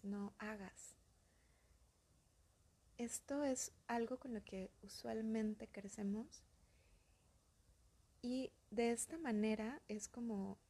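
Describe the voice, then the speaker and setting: Female podcast host, gentle and slow, half-whispered delivery, mellow and a bit raspy. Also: mid-range voice. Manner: soft, slow, often breathy and whispery. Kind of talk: calm reflective podcast monologue.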